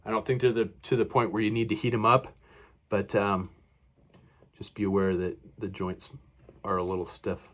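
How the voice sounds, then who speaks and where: Male toy reviewer, slightly low voice, casual and rambling, self-correcting. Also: flat delivery, moderate pace, pauses often, a bit bright.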